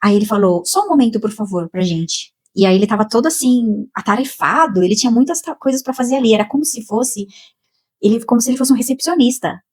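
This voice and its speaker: A Brazilian woman slowly and emotionally telling a personal spiritual testimony, with many repetitions. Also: a little high, darkish tone, slightly rough. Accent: Brazilian Portuguese. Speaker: spiritual channel host.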